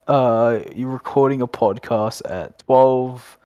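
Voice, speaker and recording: This is a young man with an Australian accent chatting late at night on a podcast, loose and rambling and quick to laugh. His voice sits at an ordinary middle pitch, and the close mic sounds dry with no room around it. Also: dry recording, narrow, tinny audio. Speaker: podcast co-host. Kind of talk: casual late-night chat.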